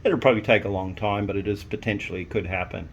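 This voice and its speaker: A vehicle owner talks casually to camera about installing an intercom in his vehicle, plain-spoken and rambling, often restarting. His voice is lowish, fairly even, and quick, and the recording sounds muffled.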